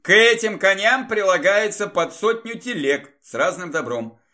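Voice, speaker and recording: Man reading weary woman housekeeper, audiobook, businesslike, lively pitch. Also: normal speed. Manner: matter-of-fact, businesslike. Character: tired woman housekeeper giving a report.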